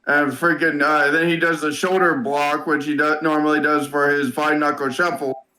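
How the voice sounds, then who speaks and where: Bright, halting man swearing through a recap. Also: fairly high pitch, level tone, low-quality recording. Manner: halting, many "uh" and "freaking", swears. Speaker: wrestling reviewer. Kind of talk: casual podcast chat.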